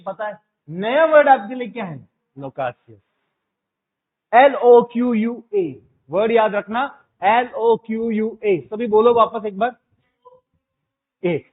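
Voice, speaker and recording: A man teaching a vocabulary class in a notably high voice, constantly checking in with his students through repeated questions. The sound is narrow and tinny, as if heard through a phone. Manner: drills students with repeated questions, calls them 'beta'.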